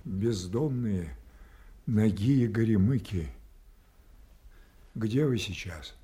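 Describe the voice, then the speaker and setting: An actor playing an anguished old king losing his mind, in brooding, declamatory tragic style. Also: on the low side. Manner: brooding, declamatory, swelling from hushed to impassioned. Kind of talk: theatrical classical tragedy monologue.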